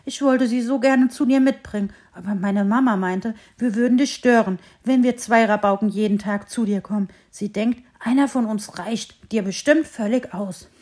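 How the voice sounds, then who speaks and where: A woman's voice: fairly high pitch, moderate pace, few pauses, natural voice. A woman voicing a cheerful young hare. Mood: explaining. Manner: lively and excited. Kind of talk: storybook reading.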